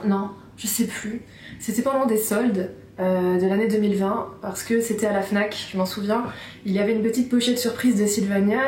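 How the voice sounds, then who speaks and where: A woman's voice: medium pitch, mellow, slight background noise. A woman in her thirties in a casual chat as a vlogger, chatty and self-mocking, with frequent hesitations. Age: 30s. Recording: roomy echo, faint music behind.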